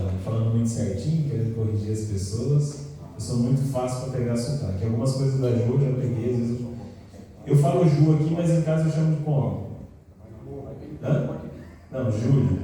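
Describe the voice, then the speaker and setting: A man in his thirties from São Paulo with a São Paulo accent, teaching a Sabbath school Bible lesson and quizzing his class as he goes. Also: mid-range voice. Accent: Brazilian Portuguese, São Paulo. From São Paulo state, Brazil. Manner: asks the class questions and answers them, animated storytelling. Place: large church hall. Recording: echoey hall recorded from a distance.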